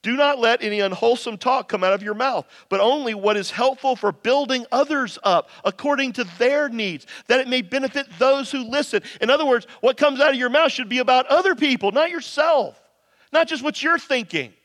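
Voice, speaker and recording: A man's voice: extremely high pitch, brisk, fairly bright tone. A man preaching a sermon, emphatic and conversational, addressing listeners directly with rhetorical questions and repetition. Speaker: pastor preaching. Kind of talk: sermon to a congregation. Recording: long reverberant hall sound.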